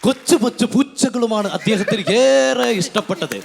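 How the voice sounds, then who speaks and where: A male comic giving a deadpan mock translation in a high, gravelly voice. He performs on a live stage with a long hall echo. A clear crowd and noise sit behind him. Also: normal speed. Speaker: comic interpreter. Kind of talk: stage comedy.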